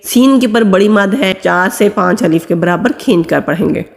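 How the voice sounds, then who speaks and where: A woman's voice: mid-range voice, vocal fry. A woman teaching Quran reading, patiently explaining how each letter is pronounced and drawing out the sounds as she recites them. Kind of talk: step-by-step recitation lesson. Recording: long hall reverb.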